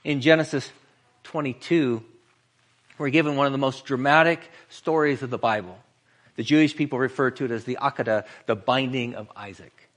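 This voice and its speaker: A man preaching a sermon in an earnest way, slowing down and pausing for emphasis. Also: mid-range voice, fairly bright tone. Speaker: pastor.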